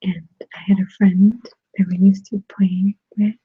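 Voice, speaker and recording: A woman chatting to viewers in a soft, unhurried whispered ASMR style. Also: medium pitch, flat delivery, husky, no room sound. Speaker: ASMR creator. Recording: dry tinny phone-like sound.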